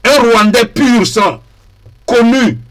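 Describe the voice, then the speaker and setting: A man speaking in a deliberate, emphatic way and repeating key phrases for weight, as a TV political commentator. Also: very high voice. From DR Congo.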